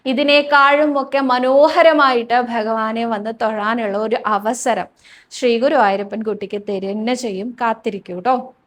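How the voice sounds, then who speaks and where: A woman hosting a devotional talk, answering viewers' questions and telling personal stories in a soft, reassuring way. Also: a little high, steady tone, a little slow. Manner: soft, reassuring, often ends sentences with a friendly tag.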